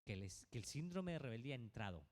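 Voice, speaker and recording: A man's voice: mid-range voice, big pitch swings, fast. A male pastor preaching a sermon to his congregation, asking many rhetorical questions. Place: church. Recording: reverberant church hall.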